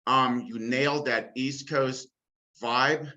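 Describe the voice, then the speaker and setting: A man with a bright, forceful voice piles on praise in a casual chat. His speech is loose and full of fillers. The call audio is dull and lo-fi. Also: medium pitch, steady tone, slow. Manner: effusive, uses filler like "I mean, come on". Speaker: guest musician. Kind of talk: casual video-call feedback.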